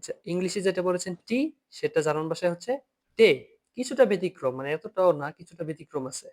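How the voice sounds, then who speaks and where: A man's voice: high voice, animated, fast, a little mellow. A man teaching an online German class by video call, patiently repeating each point and asking students to read aloud.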